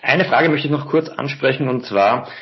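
A man's voice: medium pitch, husky. A man hosting a political podcast interview, asking questions at length. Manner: asks questions at length, measured. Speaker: podcast host. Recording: dull lo-fi audio.

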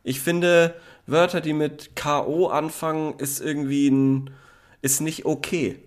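A man chatting casually about favourite words, rambling with many fillers and quick bursts of speech. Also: a little high, little pitch movement. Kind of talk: casual chat.

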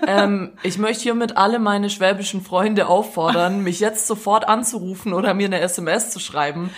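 A woman's voice: mid-range voice, moderate pace. A woman from Swabia with a Swabian accent, co-hosting a podcast in casual chat, laughing often and acting out what others said. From Swabia, Germany. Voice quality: chatty, laughs often, acts out quotes. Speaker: podcast co-host.

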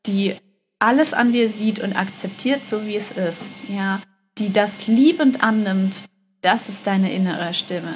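A woman talks straight to one listener in a self-love pep talk, her voice sitting at an ordinary middle pitch. She is gentle and affirming, circling back to the same phrases and settling them with a quiet "ja". Her delivery feels unhurried and encouraging. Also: slight background noise. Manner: gentle, affirming, repetitive phrasing with many "ja" fillers; addresses the listener directly as "du". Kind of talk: motivational self-love monologue.

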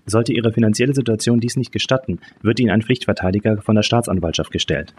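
A man's voice: lowish voice, darkish tone, a little hiss or hum, lightly acted. A man voicing a small female police detective who speaks formally and evenly, with music behind. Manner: formal, measured.

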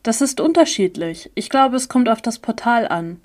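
A woman reading a calm young man explaining. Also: on the high side, normal speed, close to an everyday voice. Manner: matter-of-fact, explanatory.

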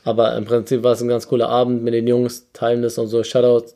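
Young male co-host, mellow dark tone, easygoing chat. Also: mid-range voice, completely flat delivery, fast, a little hiss or hum. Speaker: podcast co-host. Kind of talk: casual chat.

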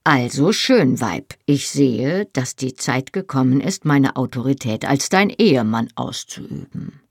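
A tender young Scottish husband murmurs low and teasing, as an audiobook reader puts him on. The voice is gravelly and a touch husky, close and dry, with little pitch swing. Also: lively intonation, unhurried, dry recording, heavily acted. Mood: intimate, playful. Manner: soft, intimate, often whispered. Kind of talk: audiobook reading.

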